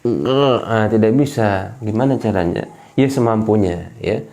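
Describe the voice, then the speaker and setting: A man's voice: fairly low pitch, measured pace, darkish tone. A man teaching Quran letter articulation to viewers at home, patiently repeating each point and demonstrating the sounds.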